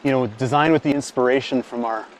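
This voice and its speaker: Relaxed man answering mid-ride. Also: mid-range voice, fast talker, slight background noise. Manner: relaxed, thoughtful, with fillers and restarts. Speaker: bike company founder. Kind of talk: casual interview answers. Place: outdoors on a bike ride.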